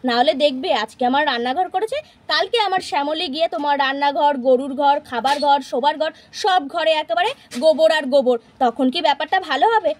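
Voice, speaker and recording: A woman's voice: high-pitched, fast talker, lightly acted. A woman voicing a stern village mother in a toy-house puppet play, scolding her neighbour insistently. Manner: scolding, insistent, repeats words.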